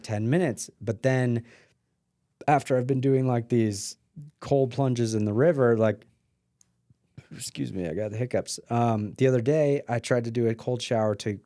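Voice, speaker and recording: A man talking casually as a podcast guest, rambling with many fillers and often trailing off quietly. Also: mid-range voice, normal speed, no echo, clean studio sound. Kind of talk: casual conversation. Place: mountain home.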